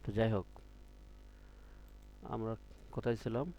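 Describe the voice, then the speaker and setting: A man's voice: lowish voice, warm tone, slight background noise. A man teaching Arabic letters in an online Quran reading class, asking students questions and stretching out each letter sound. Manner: patient, drills with repeated questions to students; drawn-out letter sounds when demonstrating.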